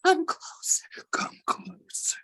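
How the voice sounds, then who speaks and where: A performer voicing a creepy monstrous fortune teller in a whispered role-play, with a slow, cryptic, hoarse rasp. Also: bright, forceful tone. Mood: beckoning.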